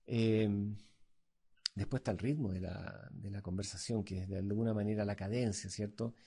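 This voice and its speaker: A man with a Chilean accent lecturing as an instructor, halting and full of fillers and tag questions. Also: fairly low pitch, steady tone, warm tone, husky. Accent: Chilean Spanish. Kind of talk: recorded lecture.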